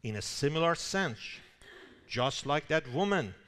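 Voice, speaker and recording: Animated male preacher in a reverberant hall. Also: fairly high pitch, a little slow. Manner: animated, emphatic preaching with dramatic quotes and rhetorical questions. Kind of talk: sermon. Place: church hall.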